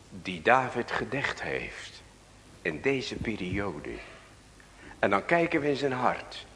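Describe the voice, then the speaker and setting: Dutch male pastor, measured sermon delivery, long church reverb. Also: lowish voice, a bit bright, a little hiss or hum. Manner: reads scripture aloud, asks the congregation questions.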